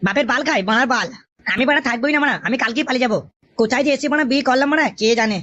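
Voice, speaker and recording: A woman plays a hot-tempered young son-in-law in a cartoon, rattling off complaints and curses at breakneck speed in a high voice. The sound is dull and lo-fi. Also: fairly bright tone. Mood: angry. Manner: rapid, grumbling and cursing. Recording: dull lo-fi audio.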